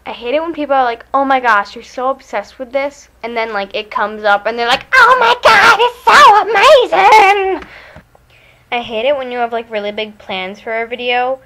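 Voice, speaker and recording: A teenage girl ranting to camera in a casual home video, chatty and full of fillers, acting out what other people say. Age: teens. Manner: chatty, filler-heavy, acts out quoted people. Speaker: vlogger. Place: room at home. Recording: dull low-fi webcam audio.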